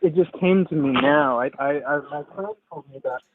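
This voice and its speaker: A young man on a tinny Bluetooth car call. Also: on the high side. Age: 20s. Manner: halting, many stammered restarts. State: driving. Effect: phone call over car Bluetooth, sounding far from the mic. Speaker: caller. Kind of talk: call-in chat. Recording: tinny phone line with faint noise.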